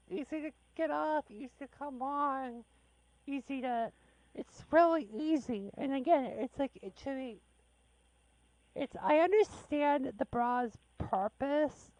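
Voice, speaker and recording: A woman's voice: fairly high pitch, darkish tone, no echo, rough recording. A woman hosting a call-in show, blunt and joking, rambling between callers. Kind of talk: casual call-in radio chat.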